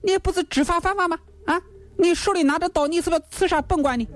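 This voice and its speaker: A woman's voice: extremely high pitch, quick pace, dry recording, pitched above the performer's own voice. A woman voicing a pompous, angry male grand marshal who blusters accusations in a comedy retelling. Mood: accusing.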